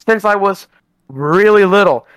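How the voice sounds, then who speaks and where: An eager player who rambles in character about conspiracies. The voice is smooth and clear, and the recording is dry and close. The talk tumbles along with plenty of restarts. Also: medium pitch, unhurried, fairly bright tone, dry recording. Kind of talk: in-character tabletop play.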